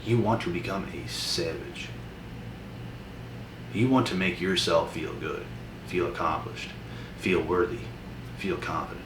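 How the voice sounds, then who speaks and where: A man's voice: low voice, measured pace, pauses often. A young man giving a blunt, preachy motivational monologue to camera. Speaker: motivational vlogger. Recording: echoey room from a distance with noise.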